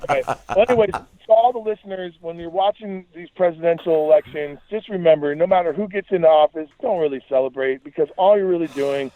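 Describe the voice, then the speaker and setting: This podcast guest, a musician and writer, has a dark-toned voice on the high side and talks fairly quickly with hardly any pauses. He rants animatedly with strong opinions and slangy conversational speech over a thin, phone-like line.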